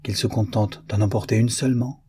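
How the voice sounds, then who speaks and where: A man reading a gentle, earnest elder brother. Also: fairly low pitch, fairly even intonation, a little fast, breathy edge. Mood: gentle, hushed. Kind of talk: audiobook character reading.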